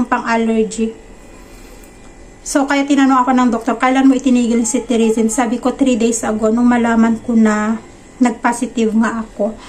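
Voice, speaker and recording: A pregnant woman vlogger in her thirties from the Philippines, telling her viewers a personal story in a chatty, animated way and acting out the conversations she had. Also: fairly high pitch. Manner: chatty, animated retelling with quoted dialogue. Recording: faint background noise.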